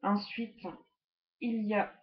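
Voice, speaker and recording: A woman's voice: mid-range voice, flat delivery, takes it slowly, highs cut off, a crowd in the background. A woman casually reviewing makeup brushes, hesitant and chatty with many fillers, recorded at home on a laptop webcam. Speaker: beauty vlogger.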